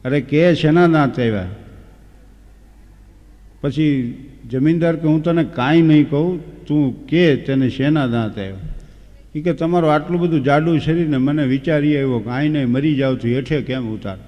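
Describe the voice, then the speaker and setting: A fairly high-voiced man with a Kathiawadi Gujarati accent tells comic folk tales on stage, animated and dropping into quick voices for each person in the tale. His voice rings with the long echo of a hall, on a dull, lo-fi recording. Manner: animated, switches into quick character voices for dialogue. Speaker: folk humorist. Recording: echoey hall, dull lo-fi sound.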